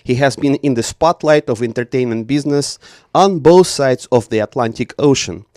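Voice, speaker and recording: A man hosts a live radio show at a middle pitch. He speaks formally and pauses on many fillers. The recording is dry and close, from a small studio. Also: darkish tone, dry recording. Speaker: radio host.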